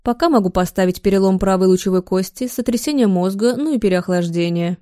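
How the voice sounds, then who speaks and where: Woman doing a brisk bossy ambulance doctor, slow clipped lines, mellow dry voice. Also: medium pitch, dry recording, lightly acted. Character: brisk female emergency doctor.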